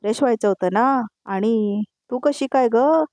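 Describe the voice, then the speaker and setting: Calm teasing housekeeper woman, easygoing, soothing, mellow, read by a woman. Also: on the high side, moderate pace, no room sound, clean studio sound, natural voice.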